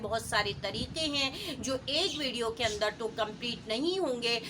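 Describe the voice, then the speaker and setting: A woman with a bright, somewhat high voice gives religious instruction step by step. She repeats her directions patiently and slows to a careful, measured recitation when she demonstrates. A faint hiss of noise sits under the recording. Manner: repetitive, directive explaining. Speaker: religious teacher. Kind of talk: instructional talk on prayer practice.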